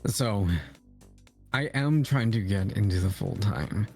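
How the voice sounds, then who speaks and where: A man with a deep, raspy voice answering in casual interview chat, halting and reserved. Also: darkish tone. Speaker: podcast guest, VTuber streamer. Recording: music behind the voice. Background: background music.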